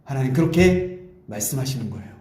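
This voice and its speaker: A male pastor preaching a Sunday sermon in an earnest, pleading way, sometimes speaking softly in God's gentle voice. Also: medium pitch, sing-song, fairly quick. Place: church sanctuary. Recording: echoey church room.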